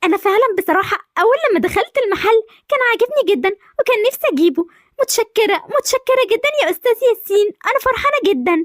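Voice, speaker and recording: A woman voicing an excited little girl with an Egyptian accent, gushing over a gift. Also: very high-pitched, rapid-fire, dry recording, clean studio sound. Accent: Egyptian Arabic.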